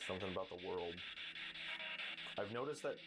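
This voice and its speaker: A man alone in a room on a ghost hunt, asking spirits halting, hesitant questions. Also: deep voice, expressive, over loud music, poor audio. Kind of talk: casual paranormal investigation vlog. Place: indoors in an old inn room. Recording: loud spirit box radio static behind.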